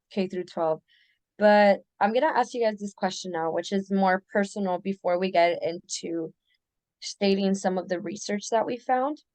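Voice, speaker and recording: A woman's voice: mid-range voice, a little mellow, no room sound. Young woman hosting a student podcast, kinda hesitant, dry close sound. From United States. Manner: hesitant, with fillers and restarts. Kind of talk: casual student podcast discussion.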